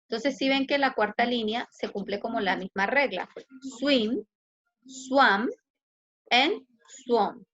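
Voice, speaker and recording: Chilean woman teacher, patient online lesson, highish voice, muffled video-call audio. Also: takes it slowly, a bit bright. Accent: Chilean Spanish. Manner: patient, explanatory, asks students questions. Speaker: English teacher.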